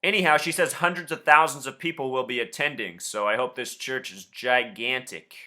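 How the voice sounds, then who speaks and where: Forceful and bright at a medium pitch and normal speed, a suspicious, insistent man delivers online conspiracy commentary and grills people confrontationally over the phone as host and caller.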